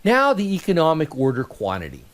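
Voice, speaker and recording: A man's voice: fairly high pitch, wildly swooping pitch, a little fast. A man giving a recorded lecture as an instructor, talking in a conversational way and often restarting or correcting himself.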